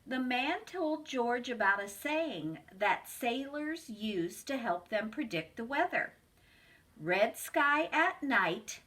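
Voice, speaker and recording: Reading to a group of children, this woman in the preschool teacher role uses a mid-range voice. Her storytelling is unhurried and full of expression as she works through a picture book.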